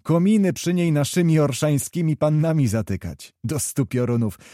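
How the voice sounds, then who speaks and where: Man doing a brash young nobleman, loud, raised pitch, dark dry tone. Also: moderate pace, no room sound, close to an everyday voice. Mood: boisterous. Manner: loud exclamations, swearing oaths. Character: boisterous young male nobleman host, hot-tempered.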